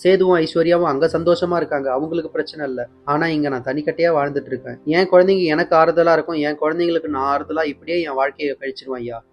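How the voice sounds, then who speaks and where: A man's voice: fairly high pitch, fast, few pauses, highs cut off, soft background music. Man voicing a tearful pleading young mother. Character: distraught young mother pleading for her children.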